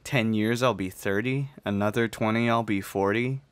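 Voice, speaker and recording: Speaking at a moderate pace with a smooth, steady, lowish voice, this podcast host is a young man of 19, nearly twenty. His casual talk wanders, and he curses to drive points home. There's no room sound.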